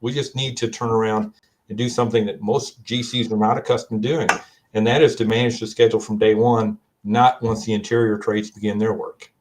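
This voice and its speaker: A man with a Kentucky accent, a guest on a video-call panel, speaking in a measured, storytelling way. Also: fairly low pitch, little pitch movement, a little mellow. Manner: measured, storytelling, quotes advice he gives. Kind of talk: casual panel discussion.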